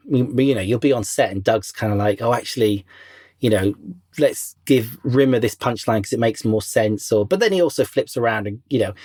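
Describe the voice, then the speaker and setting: A man's voice: on the low side, darkish tone, no echo, studio quality. A man as an interview guest, talking casually and rambling with many fillers and restarts. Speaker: interview guest, former crew member.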